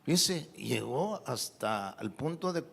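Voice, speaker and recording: A man with a Mexican Spanish accent preaching a sermon as a pastor, animated and full of rhetorical questions to the congregation. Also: medium pitch, takes it slowly, creaky, husky. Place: church.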